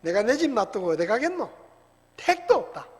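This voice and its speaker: A man plays a boisterous, rough-spoken Gyeongsang countryman, booming out a psalm in a hearty folksy voice. The voice sits high and a little husky. It rings with the long reverb of a church hall. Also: big pitch swings, moderate pace, full character voice. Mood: hearty, boastful. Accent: Gyeongsang dialect, put on. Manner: loud, hearty, rustic folksy delivery.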